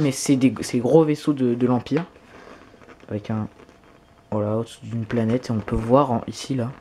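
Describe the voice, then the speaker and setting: Unboxing vlogger, male, excitable and gushing, mid pitch, light background noise. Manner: enthusiastic, gushing with frequent exclamations. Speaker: YouTuber. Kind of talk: unboxing vlog.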